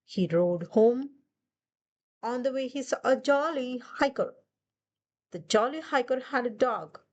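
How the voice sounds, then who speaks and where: A woman's voice: animated, dull audio. A woman reading a children's picture book aloud, lifting her voice for the quoted lines. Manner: slow storytelling, voices quoted lines higher.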